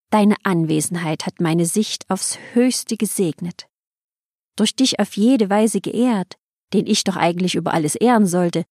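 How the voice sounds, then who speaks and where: A woman's voice: mid-range voice, a little mellow, husky, no echo, studio quality. A woman reading the lines of a courteous male royal sage in formal, ceremonious speech. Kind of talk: audiobook reading.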